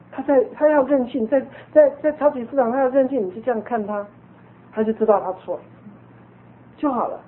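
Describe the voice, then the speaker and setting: A woman's voice: medium pitch, a little hiss or hum. A woman teaching a group of parents how to speak to their children, firm and coaching in manner. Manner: firm, coaching, acts out scolding examples. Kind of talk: instructive talk to parents. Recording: tinny phone-like sound.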